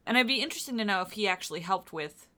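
A woman's voice: medium pitch, lively intonation, racing, bright, forceful tone. A woman co-hosting a podcast in a casual chat, reading out episode details with lots of fillers, in a morning voice. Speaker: podcast co-host.

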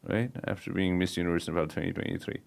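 A man's voice: deep voice, fairly even intonation, fast, creaky. A man hosting an interview, asking questions and tagging his sentences with "right?". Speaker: podcast host. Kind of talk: casual interview talk.

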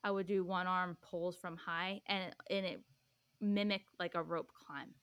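A young woman with a somewhat low voice chatting as a podcast guest. She rambles loosely and leans on filler words as she explains things. The sound is dry and close, with little room around it. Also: steady tone, measured pace, a bit bright, dry recording. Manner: rambling, full of "like" and "um". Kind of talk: casual chat.

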